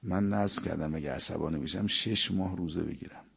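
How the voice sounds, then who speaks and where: A man's voice: low voice, creaky, husky, dull audio. A man preaching a sermon, quoting verses in Arabic and telling anecdotes. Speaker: cleric.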